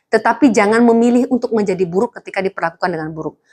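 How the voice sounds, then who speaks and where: A woman pastor preaching to students, lively, with jokes and small acted dialogues. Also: medium pitch, rapid-fire. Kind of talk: sermon to students.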